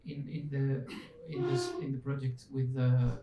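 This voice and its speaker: A man for whom English is a second language, from outside Finland, reflects hesitantly in a panel discussion, searching for his words. His creaky voice has huge pitch swings at a measured pace. The room is echoey, the mic distant, and there's a low rumble.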